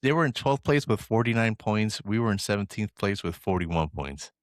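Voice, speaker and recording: Male podcast co-host, very low voice, dry close mic, meandering chat. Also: animated, moderate pace, no room sound. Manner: meandering, hesitant with ums. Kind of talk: casual football chat.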